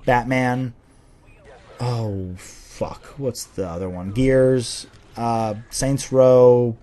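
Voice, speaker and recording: A man's voice: medium pitch, steady tone, very slow, dark tone. A young man in his twenties hosting a casual Q&A, rambling and swearing freely as he answers viewer questions. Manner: rambling, profane, self-deprecating ranting. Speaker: host of a viewer Q&A show.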